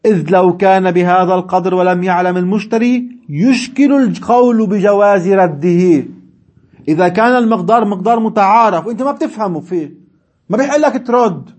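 A man's voice: sits high, a little fast, darkish tone. A man teaching a seminary class, reading classical texts and explaining them in dialect with chuckling asides. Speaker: religious studies teacher.

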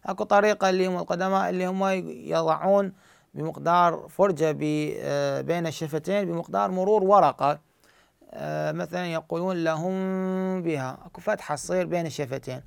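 A man with an Iraqi Arabic accent teaching tajweed, explaining the rules and slowly reciting verse examples. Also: fairly high pitch, gravelly, clear, resonant tone, dry recording, studio quality.

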